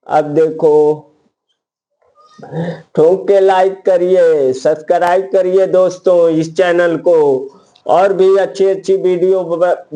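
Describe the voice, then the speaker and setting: Slow, high-voiced man teaching maths. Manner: slow, repetitive counting, addresses viewers as friends. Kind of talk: casual maths tutorial.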